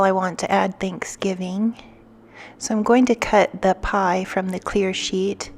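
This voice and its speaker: A woman with a noticeably creaky voice narrates a craft tutorial in a casual, chatty way. Her pitch is mid-range and stays fairly even. She explains each small step as she works. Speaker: craft vlogger and design team member.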